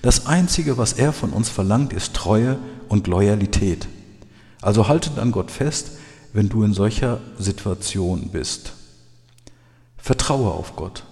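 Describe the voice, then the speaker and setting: A man's voice: lowish voice, lively intonation, measured pace, a little mellow. A man preaching a sermon as a church leader, earnest and building to emphatic peaks. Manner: earnest, rising to emphatic outbursts. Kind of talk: sermon with Bible readings. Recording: long hall reverb, faint background music.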